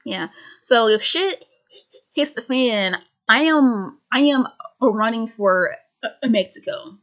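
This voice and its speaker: A woman's voice: a little high, lively intonation, takes it slowly, fairly bright tone. A woman of twenty-five ranting casually to camera, rambling and sardonic, with many restarts and stammers. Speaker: vlogger.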